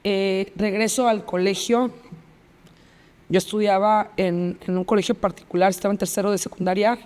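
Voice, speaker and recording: A woman's voice: mid-range voice, fairly even intonation, moderate pace, a little mellow. Mexican woman recounting her story, echoey. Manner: vivid retelling, reenacts past dialogue, repeats phrases. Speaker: interview guest. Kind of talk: personal storytelling in a podcast interview.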